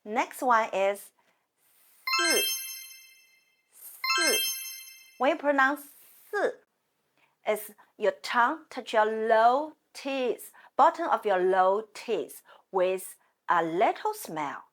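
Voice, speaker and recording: A woman with a Chinese accent teaching beginners to count in Chinese, drawing out each sound slowly for learners to repeat. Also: fairly high pitch, expressive, background noise. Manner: slow, careful, drawn-out sounds. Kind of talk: slow language lesson. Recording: music playing behind.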